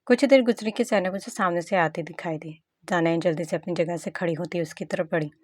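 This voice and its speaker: A woman's voice: on the low side, fairly quick, no echo, studio quality. A woman narrating a romance novel as an audiobook reader. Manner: steady storytelling.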